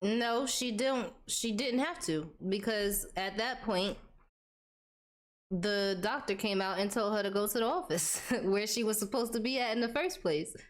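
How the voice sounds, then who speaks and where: A woman's voice: mid-range voice, a little slow. A woman hosting a live stream, casually reacting to court testimony and laughing along. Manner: conversational, laughs while commenting. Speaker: commentary host.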